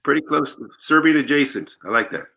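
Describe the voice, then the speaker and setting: A slightly high, expressive male voice with vocal fry, pushed and bright, talking a little fast. He's a guest bassist from Los Angeles chatting casually in a livestream interview, joking playfully and spinning long, rambling stories.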